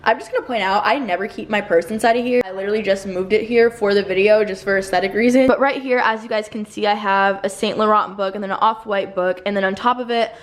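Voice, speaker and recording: A woman's voice: medium pitch, steady tone, fast talker, few pauses. A young woman vlogger giving a casual home tour, chatty and upbeat, full of "like" and "you know", with a slight lisp.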